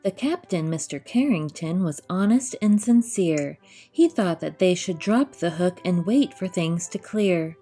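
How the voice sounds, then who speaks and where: A woman storyteller reading a rhyming children's picture book aloud, expressively, in measured rhythmic verse. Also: fairly low pitch, expressive, mellow, faint music behind.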